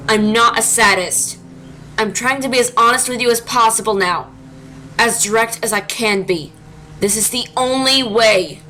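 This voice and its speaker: A woman's voice: fairly high pitch, normal speed, sharp tone, slight background noise. Woman as Geno, a bitter wounded skeleton. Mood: grim, defensive. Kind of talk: dramatic comic dub acting.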